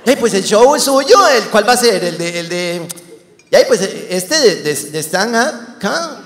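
A man's voice: sits high, very animated, a bit bright, roomy sound, long reverb tail, full character voice. A man voicing a stubborn older woman who halts and repeats herself. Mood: insistent. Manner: halting, full of fillers and repeats.

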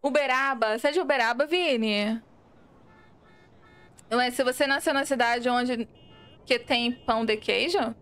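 With long pauses and a measured pace, a young woman speaks in a voice on the high side that's clear, resonant, and fairly bright. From Minas Gerais, Brazil, and carrying its Portuguese accent, she's a chatty game streamer who reads viewers' chat out loud and uses some English words.

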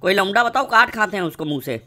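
A man's voice: high voice, animated, fast, pushed and bright. A man giving live gameplay commentary, full of crude jokes, teasing and playful trash-talk. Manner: playful sing-song riffs. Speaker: gaming streamer.

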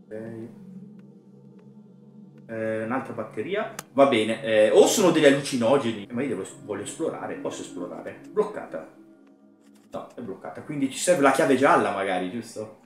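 A young man commenting on a horror game as he plays, muttering quietly to himself and yelling when something startles him. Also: mid-range voice, lively intonation, moderate pace, echoey room, faint music behind. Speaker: gaming YouTuber.

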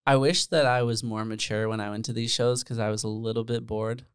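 Chatting casually in an interview, a twentysomething Dutch-born musician speaks briskly at medium pitch, his tone steady, clear and resonant, though he rambles, fills pauses constantly and downplays himself. Headphones on and holding a dynamic mic, he sits in a small bare-walled room; the recording is dry and clean.

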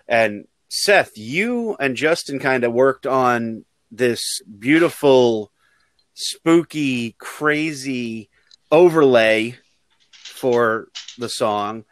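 A man's voice: mid-range voice, animated, very slow, no echo. A man co-hosting a band podcast in a casual, jokey way. He laughs often as he talks. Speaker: podcast co-host, band member.

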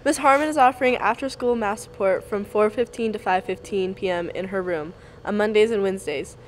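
A woman's voice: mid-range voice, a little fast, slight background noise. Giggly teen girl co-announcer. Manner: cheerful, giggly, steady reading. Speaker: student co-announcer. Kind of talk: school morning announcements.

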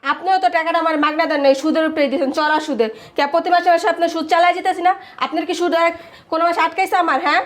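Defiant high-voiced debtor wife, played by an actress. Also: female voice, fairly even intonation, fast. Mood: defiant arguing. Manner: argumentative, retorting, insulting. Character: defiant indebted wife who cannot pay. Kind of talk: amateur village drama.

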